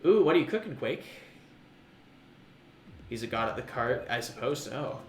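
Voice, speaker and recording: A man's voice: mid-range voice, big pitch swings, normal speed. Male streamer, casual chat, roomy sound, game music behind, swears and laughs a lot. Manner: chatty, swears, laughs easily.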